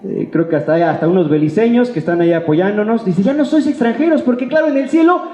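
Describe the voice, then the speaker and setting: Fast and mellow, with a high voice, a Mexican Spanish-accented pastor delivers a playful, colloquial sermon to his congregation. He acts out imagined remarks and poses rhetorical questions. It was recorded in a reverberant church hall, so the sound is dull, echoey and long in reverb.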